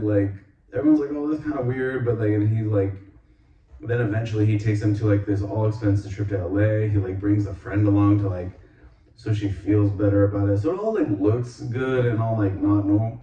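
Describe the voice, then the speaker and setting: A man hosting a podcast, recapping a movie in a rambling casual way, full of filler words and quick acted-out quotes. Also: on the low side, dark tone. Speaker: podcast host reviewing a movie. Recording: roomy, distant, dull lo-fi sound.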